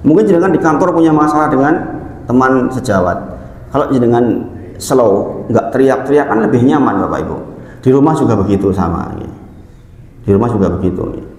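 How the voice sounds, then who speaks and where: Javanese-accented male preacher, middle-aged, animated storyteller, long reverb in a hall. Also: mid-range voice, a little fast. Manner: lively storytelling, acts out quoted voices, chuckles. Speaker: Islamic preacher. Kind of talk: sermon.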